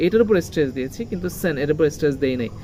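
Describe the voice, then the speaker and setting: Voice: mid-range voice, expressive, racing, mellow, a little hiss or hum. A teacher, giving a lesson to children. The teacher asks questions, answers them, and repeats key words with heavy stress. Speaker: English teacher.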